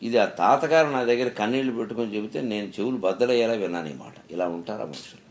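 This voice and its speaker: A man's voice: lowish voice, quick pace. Man giving a spiritual discourse. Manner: storytelling, rhetorical questions, emphatic rises. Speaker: spiritual speaker.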